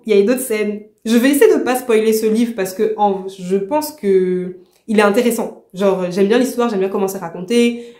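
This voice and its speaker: Indignant woman chatting in a roomy echo. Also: medium pitch. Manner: indignant, animated, slangy. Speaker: book vlogger. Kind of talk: casual book review chat.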